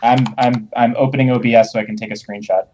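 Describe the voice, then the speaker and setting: A man's voice: medium pitch, fairly even intonation, fast, a little mellow, a little hiss or hum. Man on a dull video call. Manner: helpful, talks through settings step by step. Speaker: player in an online tabletop group. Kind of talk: casual chat. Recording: dull lo-fi call audio with faint piano.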